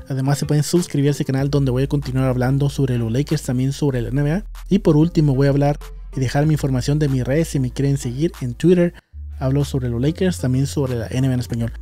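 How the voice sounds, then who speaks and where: A man in his thirties hosting a basketball vlog, calmly running through results and standings in a steady, methodical way, close to a studio mic in a small room. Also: medium pitch, fast, faint music behind. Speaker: basketball channel host. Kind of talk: sports news vlog. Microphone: studio mic on boom in front of face.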